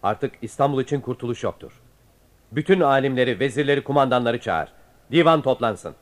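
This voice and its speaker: An actor playing a resolute, imperious sultan in a radio play, giving orders in a declamatory way. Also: male voice, mid-range voice, expressive, brisk, natural voice. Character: commanding, resolute young Ottoman sultan.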